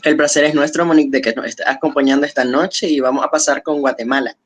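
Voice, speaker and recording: A man hosting a webinar and moderating an online panel. He speaks in a measured way, with frequent fillers and restarts. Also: a little high, fairly even intonation, slight background noise. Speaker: webinar host.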